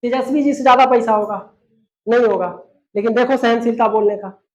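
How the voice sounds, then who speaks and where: A man's voice: extremely high pitch, fairly even intonation, fairly quick, highs cut off. A man, an English teacher giving a scolding motivational lecture to students. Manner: scolding, lecturing, rhetorical questions.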